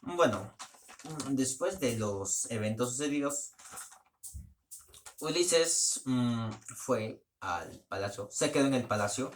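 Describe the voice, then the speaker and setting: A man's voice: mid-range voice, lively intonation, slow pace, slight background noise. A man giving a casual spoken plot summary in a loose, rambling way, often restarting his sentences. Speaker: book reviewer.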